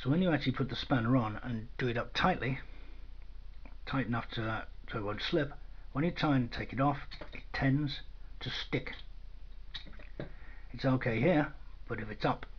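Recorded on a camera microphone at an indoor workbench, the audio sounds dull and lo-fi with clear noise. A male product demonstrator gives a relaxed hands-on walkthrough, understated and dry. He has a mid-range voice and talks at normal speed.

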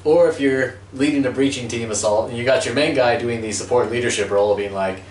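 A man's voice: mid-range voice, a little fast, darkish tone, a little hiss or hum. A middle-aged man giving a casual, jokey gear review to camera in a chatty, informal way. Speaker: host of an airsoft gear channel. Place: small furnished room at home, indoors. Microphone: camera a few steps away. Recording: roomy echo, distant camera mic.

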